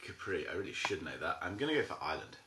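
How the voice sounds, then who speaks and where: Low, bright-voiced man guessing hesitantly; echoey room. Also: very animated, quick pace. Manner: thinks aloud, hesitant with many ums. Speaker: quiz contestant. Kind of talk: casual game chat. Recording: echoey room, faint noise.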